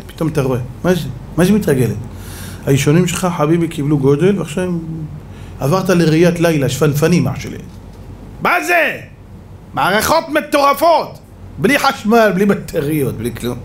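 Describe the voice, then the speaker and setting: A man, a rabbi, teaching a lively Torah lesson to an audience in a room, swinging between loud exclamations and low asides. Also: a little hiss or hum.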